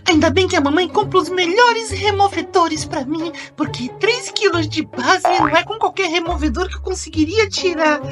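A woman's voice: very high voice, moderate pace, few pauses, over music. A woman voicing a vain, secretly insecure schoolgirl big sister in a children's game story, whiny and melodramatic. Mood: self-satisfied.

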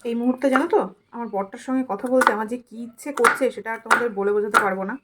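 A woman's voice: a little high, racing, very noisy. Chatty young woman with regional Bengali accent. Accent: regional West Bengal Bengali. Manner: chatty, addresses viewers directly with asides. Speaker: vlogger. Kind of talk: casual daily-life vlog narration. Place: home, moving between rooms and rooftop.

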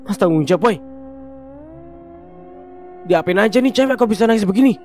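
A man doing a shouting, angry bystander. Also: sits high, lively intonation, normal speed, voice pushed up. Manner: shouting and confrontational.

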